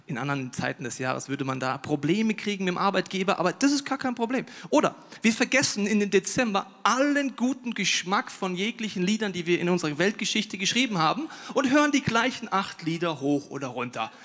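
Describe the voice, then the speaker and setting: A male stand-up comedian doing a chatty monologue, talking straight to the audience with rhetorical questions and swinging between loud outbursts and quiet asides. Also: high voice, expressive, fairly quick, hardly any pauses, big-room sound.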